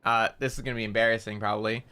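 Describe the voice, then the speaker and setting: A young Canadian with a slight rural accent and a nasal voice rambles casually while streaming a game, swearing a lot and poking fun at himself. His voice runs low with little pitch movement, racing along and sounding pushed and bright.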